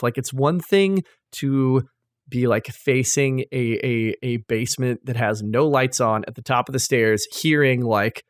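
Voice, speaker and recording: A man's voice: mid-range voice, dry recording, clean studio sound. A man co-hosting a gaming podcast who tells a long anecdote with lots of fillers and free swearing. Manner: rambling storyteller, swears freely, many fillers. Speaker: podcast co-host. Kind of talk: casual gaming podcast chat.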